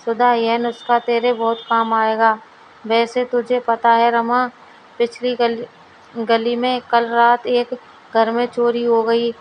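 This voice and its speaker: A woman's voice: on the high side, completely flat delivery, takes it slowly, dull audio, slight background noise. A woman reading a sly neighbor woman. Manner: teasing, sly. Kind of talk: storybook dialogue reading.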